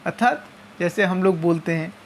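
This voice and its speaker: A woman teaching a lesson, explaining step by step and slowly spelling out each sound. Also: lowish voice, slight background noise. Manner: slow and methodical, repeating and spelling out sounds.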